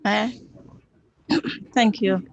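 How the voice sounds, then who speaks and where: A woman from Senegal with a Senegalese accent, making a halting, polite public comment at a meeting. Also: medium pitch, animated, gravelly, dull audio, noisy background. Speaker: conference participant speaking from the floor. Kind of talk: spoken public comment on a policy.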